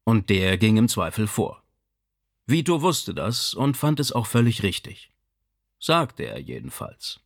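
Brief: male audiobook narrator, expressive and measured, gravelly edge. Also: fairly low pitch. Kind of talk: scripted narration.

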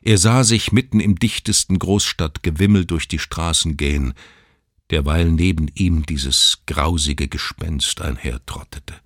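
A man narrating a story in an expressive audiobook reading. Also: extremely low pitch, a little slow, no echo, clean studio sound.

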